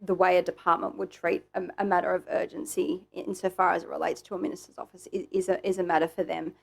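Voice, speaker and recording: A woman's voice: on the low side, flat delivery, fast, gravelly. An Australian woman giving careful testimony as a witness, hesitant and repeating her words. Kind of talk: formal testimony.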